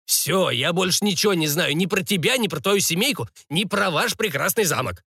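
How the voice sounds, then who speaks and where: A man putting on a gruff, cynical old wizard. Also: high-pitched, lively intonation, normal speed, pushed and bright, no echo, clean studio sound, voice pushed up, full character voice. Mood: gruff, grumbling. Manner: gruff, indifferent mutter. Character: grumpy old male wizard servant, dry and cynical.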